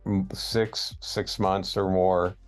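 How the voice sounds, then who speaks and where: Low voiced guy giving a slow art history talk, lots of ums, faint music under it. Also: little pitch movement. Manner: slow and hesitant, many fillers. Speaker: guest lecturer. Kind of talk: lecture with slides.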